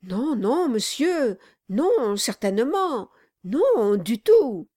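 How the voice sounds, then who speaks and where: A woman's voice: on the high side, expressive, takes it slowly, voice pushed up. A woman voicing an obsequious, nervous male lawyer who speaks hesitantly and deferentially in an audiobook. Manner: fawning, hesitant, deferential "monsieur".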